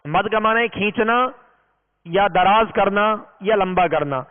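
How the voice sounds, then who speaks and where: A man's voice: high-pitched, measured pace. A man teaching Quran recitation in a patient, step-by-step way, drawing out long vowels as he demonstrates. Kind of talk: recorded tajweed lesson. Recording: tinny, reverberant lo-fi recording.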